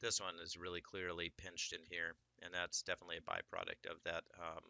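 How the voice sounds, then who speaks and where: Deep-voiced, crisp man teaching software. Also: completely flat delivery, fairly quick, no room sound. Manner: casual, explanatory, many fillers. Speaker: 3D sculpting instructor. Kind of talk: screen-recorded software tutorial.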